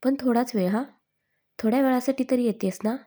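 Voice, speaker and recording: A woman's voice: a little high, a little fast, natural voice. Shy hesitant young woman, as a woman reads her. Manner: hesitant, gentle.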